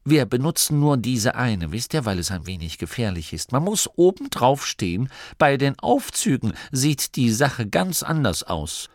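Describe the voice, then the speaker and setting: A man's voice: mid-range voice, sing-song, normal speed, hardly any pauses, dry recording, clean studio sound, voice pushed up. Man voicing a nervous, fussy little gnome. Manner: fussy, stammering when scared. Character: nervous small gnome guide, male.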